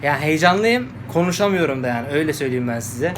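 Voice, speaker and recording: A man vlogging casually and excitedly, cooing baby talk to puppies between remarks to his viewers. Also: on the high side, fast. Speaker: vlogger showing dogs. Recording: echoey room with background noise.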